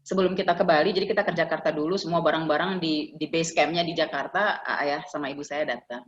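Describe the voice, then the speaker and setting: A woman's voice: deep voice, steady tone, fast talker. A woman in her forties telling a personal family story in an interview, often acting out the voices of the people she quotes. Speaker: guest sharing caregiving experience. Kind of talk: conversational interview. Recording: slightly dull, lo-fi call audio.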